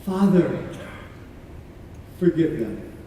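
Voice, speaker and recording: A remorseful condemned criminal, played by a man in a church monologue, speaking earnestly in halting phrases with repeated words. His voice sits high for a man. It rings through a large reverberant hall, picked up from far away. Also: lively intonation, darkish tone, slight background noise. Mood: awed confession.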